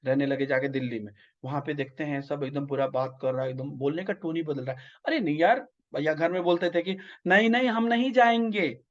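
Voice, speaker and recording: A man's voice: fairly high pitch, steady tone, brisk, few pauses. A man with an eastern Hindi-belt accent teaching an online exam-prep lecture, explaining with everyday examples and often checking in with his listeners. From north India. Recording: slightly dull lo-fi audio.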